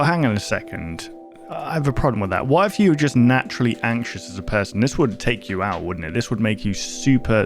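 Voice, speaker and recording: A man hosting a horror reaction video with casual, chatty, rambling commentary that often interrupts itself. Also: on the low side.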